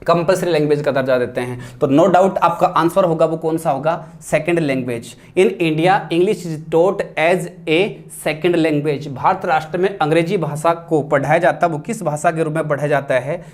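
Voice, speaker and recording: A man's voice: fairly high pitch, normal speed, hardly any pauses. A man teaching an exam-prep grammar class, posing questions and answering them himself and mixing English terms into his explanations.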